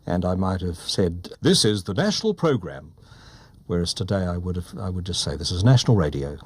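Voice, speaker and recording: A man's voice: low-pitched, big pitch swings, fairly quick, husky. An older man, a veteran broadcaster recalling his work in an interview. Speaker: veteran radio broadcaster and trainer. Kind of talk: interview recollection.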